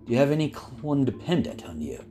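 An actor playing a calm, ominous male doctor who speaks softly, formally and gravely. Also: mid-range voice, fast talker, faint music behind, lightly acted.

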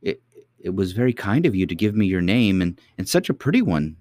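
A man's voice: low voice, sing-song, a little fast, darkish tone, no room sound, clean studio sound, pitched above the performer's own voice. A man voicing a timid little princess girl who stammers and hesitates.

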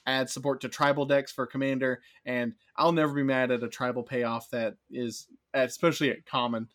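Podcast host, male, even mid voice, reads card text briskly, then quick upbeat opinions. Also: mid-range voice. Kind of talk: casual card-game podcast chat.

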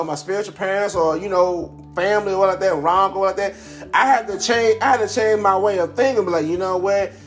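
A man hosting a casual motivational talk, rambling and slangy, often repeating himself. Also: sits high. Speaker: podcast host.

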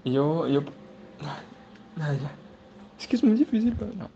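A man's voice: on the high side, very animated, unhurried, warm tone, muffled recording, a little hiss or hum. A queasy young man with a Mexican accent, rambling crudely in a casual video diary. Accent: Mexican Spanish.

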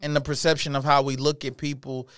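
A man's voice: medium pitch, flat delivery, quick pace, a bit bright, smooth. A man co-hosting a casual talk show, telling profane stories with frequent stammered restarts. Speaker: podcast co-host. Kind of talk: casual chat.

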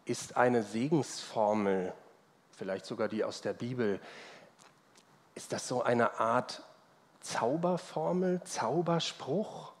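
Slow-speaking male pastor in a reverberant church. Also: on the low side, fairly even intonation. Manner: rhetorical questions, conversational and personal. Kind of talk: sermon. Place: church service. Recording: long reverb from a church hall.

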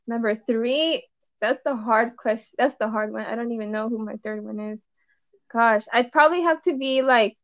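A woman's voice: on the high side, dry recording. Young LA woman, musician guest, rambling casual chat, muffled dry recording. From Los Angeles, USA. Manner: rambling, many "like"s and trailing restarts.

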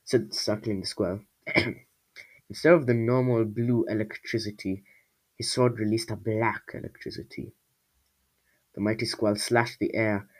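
Guy reading his own book out loud, kinda low voice, keeps rambling and roasting himself. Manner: rambling, self-mocking asides. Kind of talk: casual storybook reading with asides.

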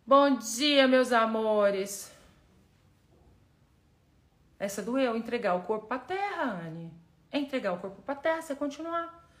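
A woman's voice: on the high side, lively intonation, unhurried, pauses often. A woman with a Brazilian Portuguese accent giving a motivational live stream as a personal development coach, emphatic and repetitive, calling her listeners "my love".

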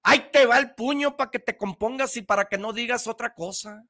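A man's voice: very high voice, fairly quick, pushed and bright. A middle-aged man with a Mexican accent giving a slangy, emphatic motivational talk on the radio, repeating his points. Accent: Mexican Spanish.

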